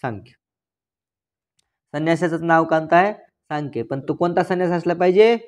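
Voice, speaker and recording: Higher-voiced man giving a scripture discourse. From Maharashtra. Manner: asks rhetorical questions and answers them himself; recites Sanskrit passages slowly. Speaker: Vedanta teacher. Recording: dull lo-fi recording.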